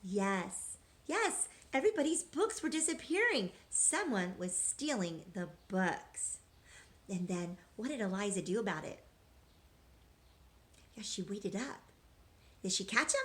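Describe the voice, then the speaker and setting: Reading a rhyming picture book to small children, a female teacher sounds very animated at a medium pitch. She is gentle and engaging, stopping now and then to pose questions.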